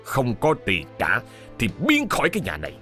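A man's voice: medium pitch, huge pitch swings, brisk, bright, forceful tone, soft background music. A man voicing a cruel, scornful rich landlord who sneers and barks orders in a ghost story. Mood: sneering. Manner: harsh, sneering, barking orders.

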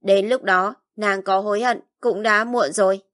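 A woman's voice: medium pitch, steady tone, unhurried, a bit bright, natural voice. A woman voicing a proud, cold young nobleman who speaks in a cool, detached, taunting way, in audiobook narration.

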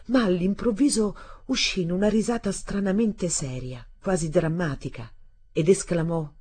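A woman reading a literary novel aloud in a measured, expressive way. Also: fairly low pitch, husky. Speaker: audiobook reader. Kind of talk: literary audiobook narration.

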